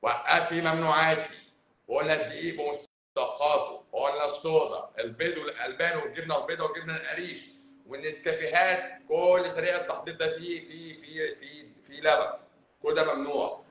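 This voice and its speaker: A man with a Cairene Egyptian accent, a doctor hosting a live stream, talking casually to viewers. He is animated, scolding and joking with them. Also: fairly high pitch, fast talker. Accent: Cairene Egyptian Arabic. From Egypt, Cairo. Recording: roomy echo, faint background noise.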